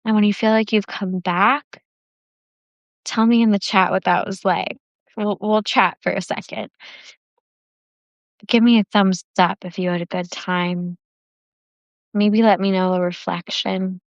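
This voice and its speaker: A woman's voice: medium pitch, steady tone, unhurried, long pauses, no room sound. A woman hosting a self-love workshop on a livestream, talking casually with lots of "like" fillers after a guided meditation. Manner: chatty, with frequent "like" fillers. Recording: dry, slightly dull lo-fi livestream audio.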